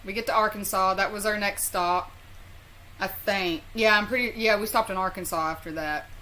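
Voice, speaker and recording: Bright-voiced Southern woman, rambling storyteller. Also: mid-range voice, fairly even intonation, normal speed. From southern US, North Carolina. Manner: rambling, profane, self-deprecating. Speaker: storyteller vlogger. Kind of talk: casual chat, personal storytelling.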